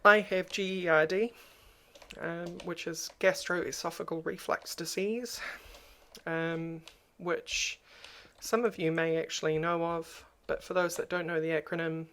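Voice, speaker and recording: A YouTuber speaks directly to the camera in a personal vlog, their voice noticeably crackly. The delivery is flat and low-key with little rise and fall, and they come across as subdued and hesitant, often pausing on ums.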